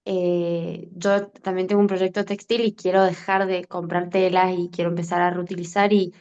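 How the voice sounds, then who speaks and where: A woman's voice: lowish voice, little pitch movement, a little mellow. A woman asks her question tentatively and pads it with fillers. The video call audio is dull and muffled. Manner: tentative, many filler pauses. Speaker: workshop participant.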